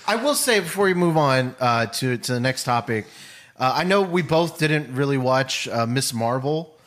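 A man's voice: medium pitch, animated, normal speed, fairly bright tone. A young man co-hosting a casual entertainment chat, asking questions informally and swearing now and then. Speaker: co-host of a pop-culture show. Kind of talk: casual banter about entertainment news.

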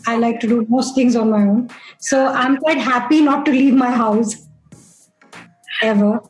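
A woman's voice: fairly high pitch, measured pace, reverberant, faint music behind, low-quality recording. A woman with an Indian accent talking conversationally as a panel guest, emphatic and switching between English and Hindi.

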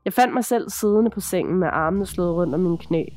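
A woman podcast host reading a first-person horror account in a measured, dramatic storytelling manner. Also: on the low side, darkish tone, soft background music.

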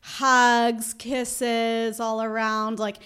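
A woman from Canada with a notably high voice, chatting in a relaxed way. She tells her stories hesitantly, often restarting her sentences. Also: extremely slow, clear, resonant tone. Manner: hesitant, self-correcting storyteller. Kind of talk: casual chat.

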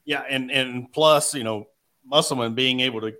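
Male sports host, mid-pitched, folksy and conversational delivery. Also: steady tone, normal speed, sharp tone. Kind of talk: casual sports talk.

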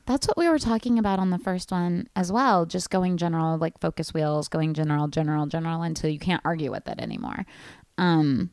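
A woman screenwriter chatting casually as a podcast co-host, relaxed and supportive. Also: low-pitched, fairly quick, no echo, studio quality. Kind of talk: casual chat.

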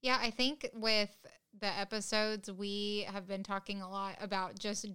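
A woman, co-hosting a podcast and telling stories in a giggly, animated way. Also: medium pitch, a little slow, clean tone. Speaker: podcast co-host. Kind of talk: casual chat.

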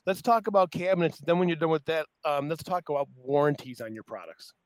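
A man with a slightly high voice hosts a radio talk show and chats loosely with his guest, tripping over his own restarts. The sound is close and dry. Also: animated, fairly quick, dry recording. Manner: chatty, stumbling restarts.

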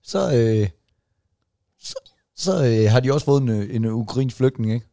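A man in casual podcast chat, animated and indignant, swearing as he talks. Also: mid-range voice, gravelly, dry recording, studio quality. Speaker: podcast co-host.

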